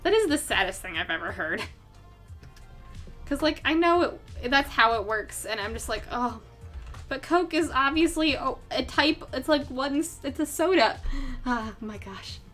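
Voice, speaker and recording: High-pitched and a bit bright, with lively intonation and a moderate pace, a young woman chats with viewers while streaming her art. The talk is rambling and casual, packed with fillers and frequent laughs, and faint music sits in the background.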